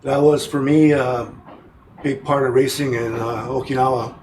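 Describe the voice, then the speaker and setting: A laid-back man from Japan tells his story on camera and keeps dropping "man" and "you know". His voice stays flat and even, with a faint hiss of room noise behind it. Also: medium pitch, moderate pace. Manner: relaxed, rambling, says "man" and "you know" often. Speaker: interviewee. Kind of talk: casual on-camera interview.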